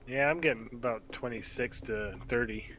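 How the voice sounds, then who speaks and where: A man's voice: mid-range voice, moderate pace, a bit bright, rough recording. A man with an everyday mid-range voice banters over voice chat during a game, teasing his friend and chuckling. Faint noise hums behind him. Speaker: co-player on voice chat. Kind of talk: casual gaming banter.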